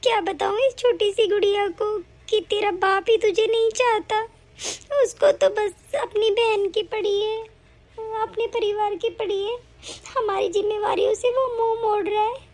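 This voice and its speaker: A woman voicing a mistreated young wife and mother in an animated story, earnest, pleading and tearful. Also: extremely high pitch, moderate pace. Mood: grieving.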